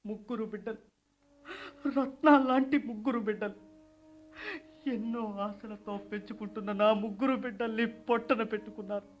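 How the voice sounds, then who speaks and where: A man acting out a shattered working man in a radio play, pouring out bitter accusations. His voice sits unusually high for a man and stays impassioned throughout. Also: fairly even intonation, a little fast, long pauses, reverberant, highs cut off, lightly acted. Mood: bitter, accusing. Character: grieving poor man, angry and vengeful.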